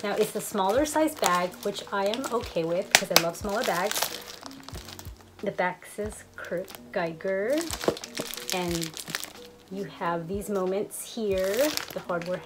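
A woman in her thirties talks casually to a camera in a small room as an unboxing vlogger. Her pace is slow and her pitch is average. Music is clearly heard behind her. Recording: music and crinkling packaging behind voice. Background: music, crinkling packaging.

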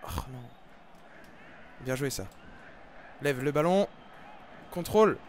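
A young man giving live commentary over his football video game, with excitable, frustrated outbursts about his bad luck. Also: mid-range voice, slow, a little hiss or hum. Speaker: gaming YouTuber. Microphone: desk microphone.

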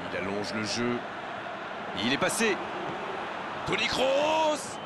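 A keen male video game football commentator. His fairly high voice swings widely as he calls play in clipped phrases, over loud stadium noise. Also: huge pitch swings, slow, gravelly, exaggerated voice. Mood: focused. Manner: clipped phrases, swelling at chances. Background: noisy stadium ambience.

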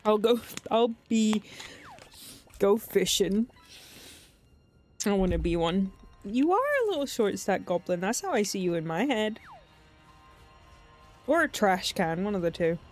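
A woman's voice: medium pitch, sing-song, measured pace, long pauses, a little mellow, soft background music. A woman streaming a game live, giggling and teasing her chat in casual banter.

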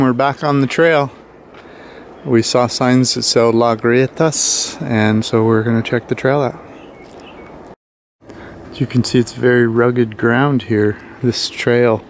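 A middle-aged travel vlogger gives a relaxed, rambling tour of an island from outdoors on a green hillside. His voice is medium-pitched, and the recording has a little hiss or hum.

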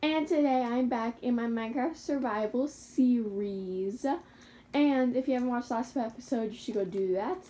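A young woman YouTuber gives casual commentary on her own Minecraft survival game, chatting and rambling, fixing her slips and laughing at herself. Her voice is on the high side and dark in tone, at normal speed, in a low-quality recording with slight background noise.

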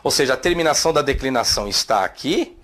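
A man's voice: mid-range voice, animated, fast talker, fairly bright tone. A man teaching theology, rebutting a video with emphatic rhetorical questions.

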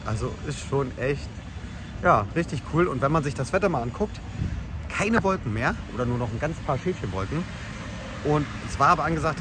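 A young man chatting casually and upbeat as a travel vlogger, talking to a handheld camera outdoors. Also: medium pitch. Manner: chatty and upbeat, filler-heavy. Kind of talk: casual travel vlog narration. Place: outdoors in streets, beaches and car. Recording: loud outdoor street noise.

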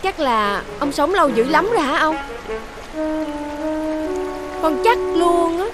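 An actress playing a devoted young wife, with a Southern Vietnamese accent and a pleading, emotional manner. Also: female voice, high-pitched, expressive, takes it slowly, over loud music. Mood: coaxing. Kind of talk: TV fairy-tale drama acting.

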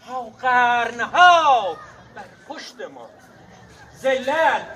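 A man giving a theatrical, declamatory recitation of epic verse in the naqqali storytelling style, proud and dramatic, with drawn-out words. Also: extremely high pitch, pushed and bright, a little hiss or hum.

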